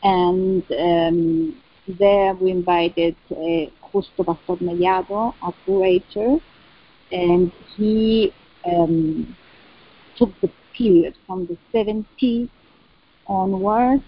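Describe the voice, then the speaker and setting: Female interviewee, Chilean Spanish accent. Slow, halting delivery, mentally translating into English. Slightly muffled, low-fidelity sound. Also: fairly even intonation, husky. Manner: translating in head, halting and searching for English words. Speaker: curator and cultural center representative. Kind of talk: interview answer about exhibitions. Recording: dull lo-fi sound.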